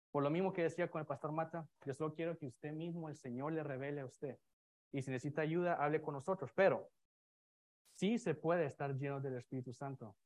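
In church, in front of a congregation and slides, a man with a higher voice delivers an expository sermon. He keeps it conversational, with many restarts and fillers, and directs questions at the congregation.

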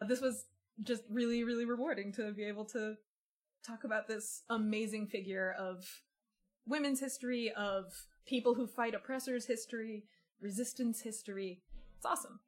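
A woman's voice: on the high side, fairly even intonation, normal speed. A woman hosting a conversational history podcast, speaking in an earnest, appreciative way. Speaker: podcast host.

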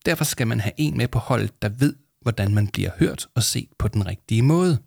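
A man reading a storybook and voicing a calm, warm adult mentor who speaks patiently. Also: mid-range voice, gravelly, dry recording, studio quality. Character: calm kindly adult mentor, gently smiling.

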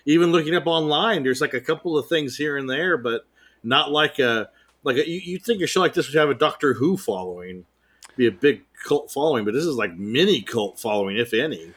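A young man co-hosts a podcast, telling stories in a loose, animated way. His bright voice jumps around in pitch while he chats. His pitch sits in an ordinary middle range. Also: a little fast. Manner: animated storyteller, laughs often. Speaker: podcast co-host. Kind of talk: casual chat.

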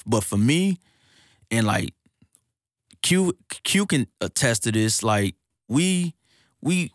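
A man's voice: lowish voice, no room sound, studio quality. A man talking casually on a podcast, ranting in slangy street talk with laughing asides. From United States. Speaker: podcast co-host. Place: recording studio.

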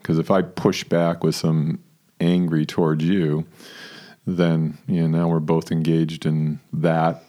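Guy with a really low mellow voice, casual chat as co-host, laughs a lot and acts out quotes. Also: slow. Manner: relaxed, laughs often, acts out quoted lines. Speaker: podcast co-host. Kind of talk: casual conversational talk.

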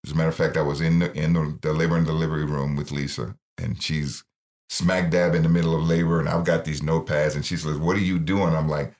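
A man's voice: extremely low pitch, little pitch movement, fast, darkish tone. A middle-aged man, founder of a ministry, earnestly telling his life story in an interview and acting out the voices he quotes. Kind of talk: personal testimony in interview.

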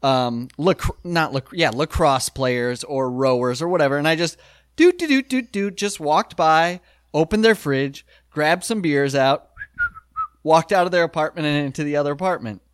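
A grown man telling a wild story in casual chat, animated and laughing, swearing freely. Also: on the high side, moderate pace, clear, resonant tone, no echo. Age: adult, older than college age.

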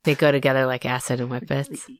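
Low-voiced playful woman podcast co-host. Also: level tone, fast. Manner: playful, jokey. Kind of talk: casual chat.

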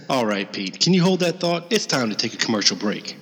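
Long reverb surrounds a man acting a male call-in radio doctor in an audio drama. His voice is bright and very animated, breezy and dismissive, never fazed. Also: medium pitch, normal speed. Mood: breezy, amused. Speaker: radio call-in show host.

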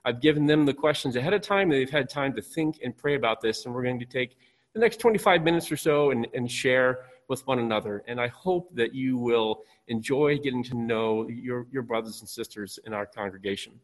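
A pastor hosts a church panel from the stage, his medium-pitched voice moving fairly quickly and loosely, full of fillers and restarts. He stands far from his listeners, and a long hall reverb trails each phrase.

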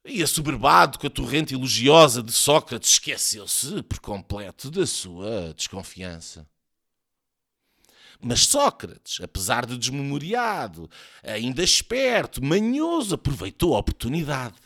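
Male narrator for satire: European Portuguese, mock-dramatic, bright and gravelly. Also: medium pitch, sing-song, unhurried.

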